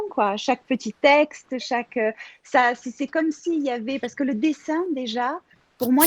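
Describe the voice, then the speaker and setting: A woman's voice: high-pitched, slight background noise. A woman in her thirties with a Marseille accent, chatting casually and hesitantly, with many fillers and restarts. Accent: Marseille French. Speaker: guest contributor. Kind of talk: casual chat. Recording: dull lo-fi audio.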